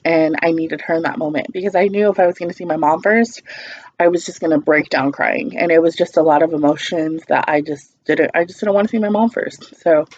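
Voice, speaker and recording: A woman's voice: fairly low pitch, highs cut off. A woman vlogger telling a storytime in a casual, blunt and sarcastic way, swearing freely.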